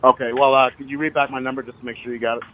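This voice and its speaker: On a dull, lo-fi recorded phone call with slight background noise, an American man, a citizen activist calling in, speaks very fast in a level, mid-range voice. He comes across as hesitant and wordy yet insistent.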